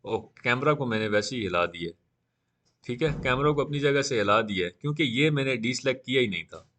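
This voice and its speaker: A man teaching a live beginner class on 3D software, talking casually and often saying "okay" while he works. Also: medium pitch, animated, brisk. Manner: casual, repeats "theek hai" often. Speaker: 3D software instructor.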